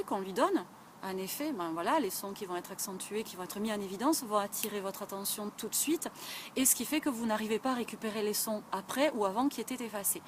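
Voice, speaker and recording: A woman's voice: on the high side, a little hiss or hum. Woman with a southwestern French accent. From southwest France. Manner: chatty, many fillers like "euh" and "ben". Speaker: English teacher. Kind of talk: explanatory video lesson.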